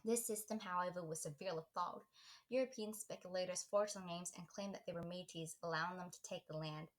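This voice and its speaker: A woman playing a dramatic Texan history narrator with a slightly low voice. She reads from a script in a Texas drawl, giving emphatic weight to her delivery. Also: brisk, lightly acted. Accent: put-on Texas accent. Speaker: history presenter.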